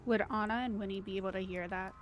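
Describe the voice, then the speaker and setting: A woman's voice: mid-range voice, level tone, quick pace, muffled recording. A woman playing a tabletop game, talking casually about what her character does. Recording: music playing behind.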